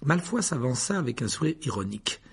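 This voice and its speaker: Husky expressive male audiobook narrator. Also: medium pitch, a little fast. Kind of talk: audiobook reading.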